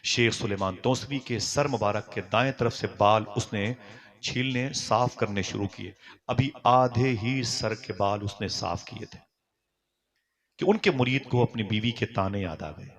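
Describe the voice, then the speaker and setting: A man preaching a sermon as a story, swinging from loud exclamations to hushed tones and calling on the crowd to answer aloud. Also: lowish voice, measured pace. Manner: calls on the audience to respond aloud.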